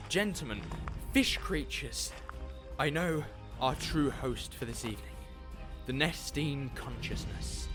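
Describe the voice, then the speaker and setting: A man voicing an eccentric alien time-traveling detective in an audio drama, witty and showy. His pitch sits in a middle register. He unspools his deductions with theatrical relish. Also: natural voice. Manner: theatrical, quick-witted, fond of grand explanations. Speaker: lead character. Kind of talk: fan audio drama acting.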